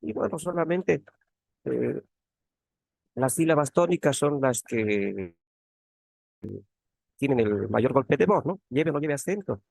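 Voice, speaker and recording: A man's voice: mid-range voice, animated, slow pace, gravelly, long pauses, darkish tone, no room sound. A man teaching an online grammar class as a teaching assistant, repeating key words and asking tag questions. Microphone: computer mic on a video call.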